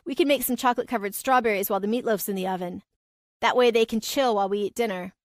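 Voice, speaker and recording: A woman's voice: mid-range voice, fast, no echo, studio quality, natural voice. A woman reading the part of an earnest, hopeful billionaire father in an audiobook. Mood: playful. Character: eager single-father billionaire man.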